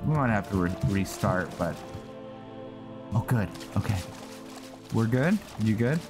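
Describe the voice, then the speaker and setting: A man's voice: on the low side, expressive, measured pace. A man doing casual let's play commentary, thinking aloud with mild exclamations as he plays. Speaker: gamer playing and commentating. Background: game music.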